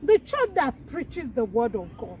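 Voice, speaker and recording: High-pitched West African evangelist lady. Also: very animated, unhurried, darkish tone, slight background noise. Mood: earnest, preaching. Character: earnest, instructing woman evangelist. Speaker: actor in a comedy series. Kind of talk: African comedy acting.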